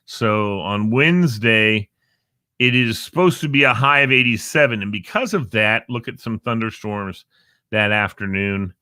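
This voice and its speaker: Unhurried and lowish, this man's voice comes across pushed and bright as he hosts a casual live show from Northern Virginia. He rambles with playful jokes about the weather and the time, and the studio recording is clean with no room sound.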